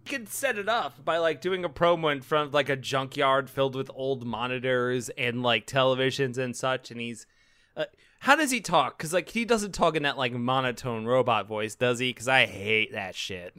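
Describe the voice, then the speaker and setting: Joking, bright-voiced man. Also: medium pitch, moderate pace, clear, resonant tone. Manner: rambling, joking, laughs often, swears. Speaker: podcast co-host. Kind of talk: casual comedic chat.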